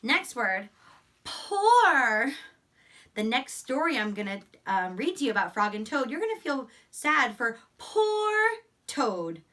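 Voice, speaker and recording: Picked up from a distant mic, this woman is an elementary school teacher doing phonics and a read-aloud for little kids. She sounds encouraging, says words with deliberate care and repeats them, and her voice runs on the high side with big pitch swings and a sharp tone.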